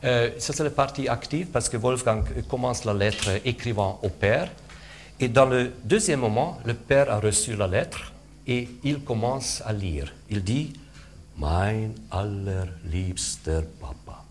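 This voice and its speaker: A man coaching string players in rehearsal, halting with fillers, switching between English and French and vocalizing sounds to demonstrate. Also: mid-range voice, a little hiss or hum. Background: string instruments playing.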